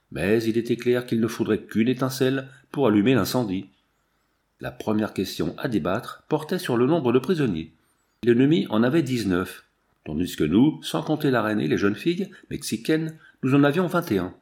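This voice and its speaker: A man's voice: medium pitch, animated, darkish tone. Man reading a story aloud. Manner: measured, dramatic storytelling. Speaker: audiobook reader. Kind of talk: audiobook narration.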